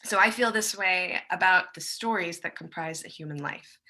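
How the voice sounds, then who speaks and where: A woman's voice: on the low side, normal speed, pushed and bright. An American woman giving a friendly, chatty conference presentation over a video call, with plenty of loose fillers. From United States. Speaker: presenter, musician and songwriter.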